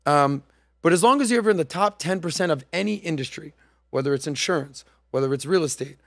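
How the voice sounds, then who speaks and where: Guy in his 40s hosting a podcast, kinda high voice, dry studio mic sound, tells stories and does little voices. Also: quick pace, dry recording. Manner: animated storytelling, acts out quoted voices. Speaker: podcast host. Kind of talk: casual podcast chat. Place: studio set. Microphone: studio mic on boom arm.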